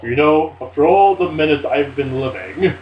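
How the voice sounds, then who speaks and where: A young man commentating gameplay in casual chat, excitable and loud, laughing often. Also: fairly high pitch, moderate pace, muffled recording, slight background noise. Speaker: let's play commentator. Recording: echoey room with faint game music. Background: faint game music.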